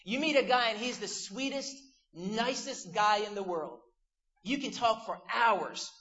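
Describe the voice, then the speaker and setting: Guy preaching to teens, high voice, jokey and casual, kinda muffled recording. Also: unhurried, bright, forceful tone. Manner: casual, joking, with crowd call-outs. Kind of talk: youth sermon.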